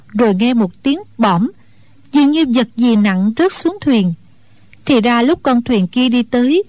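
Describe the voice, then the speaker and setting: A woman narrating a martial-arts novel in a steady storytelling voice. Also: on the high side, no room sound.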